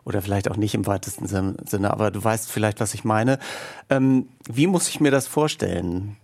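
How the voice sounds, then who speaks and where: A man's voice: lowish voice, normal speed, gravelly, a little mellow. A man interviewing a guest in a casual chat, asking thoughtful questions and correcting himself as he goes.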